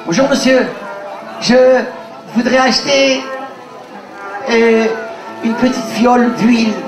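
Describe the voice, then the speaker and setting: A man voicing a poor, joyful young boy in a live puppet show, excitable and pleading. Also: very high voice, slow pace. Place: puppet stand at a public event. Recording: echoey distant recording with music.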